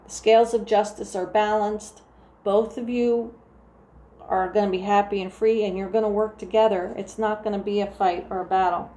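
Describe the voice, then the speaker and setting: A woman with a New Jersey accent doing a casual tarot reading, talking softly and meandering through restarts. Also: mid-range voice, steady tone, normal speed. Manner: soft, meandering, full of restarts and "like". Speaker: tarot reader. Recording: echoey room with faint ambient noise.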